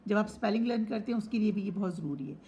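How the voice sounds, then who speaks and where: A woman's voice: mid-range voice, lively intonation, racing, mellow, a little hiss or hum. A woman teaching an English lesson, explaining words and spelling them out letter by letter. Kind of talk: lesson explaining vocabulary and syllables.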